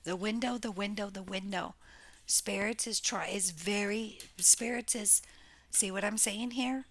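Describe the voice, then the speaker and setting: A woman's voice: mid-range voice, measured pace, fairly bright tone, no echo. A woman doing a casual tarot reading for her viewers, blunt and exclaiming, with the odd curse. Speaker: tarot reader. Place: home room near a window.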